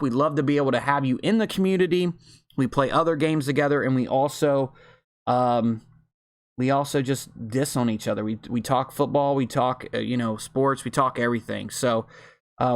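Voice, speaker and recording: A man at home giving casual, informal play-by-play commentary on a football video game. He breaks into loud yells on big plays. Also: mid-range voice. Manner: chatty and informal, with fillers and slang. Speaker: league host and game commentator. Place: at home, with family in the room above.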